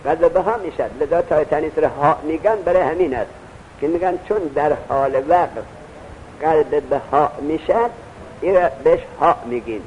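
A man's voice: fairly high pitch, lo-fi sound, a little hiss or hum. A male teacher giving a classroom lecture, repeating each point and answering his own questions. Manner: asks questions and answers them himself.

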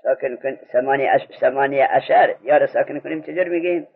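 A man's voice: medium pitch, vocal fry, slightly rough. A man teaching an Arabic grammar lesson, patiently drilling a student with repeated questions. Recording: muffled lo-fi recording.

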